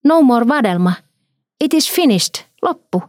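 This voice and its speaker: A woman's voice: fairly high pitch, animated, darkish tone, dry recording, studio quality, voice pushed up, close to an everyday voice. A woman voicing a small, innocent toddler girl who exclaims in a childlike way. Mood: protesting.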